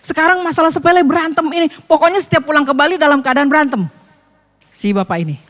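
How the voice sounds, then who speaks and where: High-voiced woman pastor preaching. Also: fast talker, big-room sound. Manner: lively, joking, colloquial. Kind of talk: sermon.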